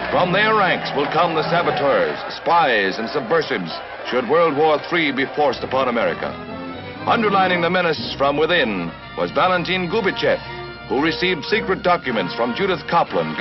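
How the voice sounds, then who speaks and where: A man giving dramatic, emphatic old newsreel narration from an archive film. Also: fairly high pitch. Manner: emphatic, declamatory delivery. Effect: old 1950s newsreel narration. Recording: dull lo-fi archive film soundtrack. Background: orchestral music.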